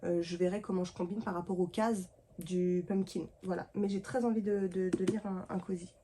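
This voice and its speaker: Chatty woman with a mellow voice. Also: on the low side, moderate pace, slight background noise. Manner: lively and chatty, with many fillers and playful asides. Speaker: book vlogger. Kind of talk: casual chatty book haul vlog.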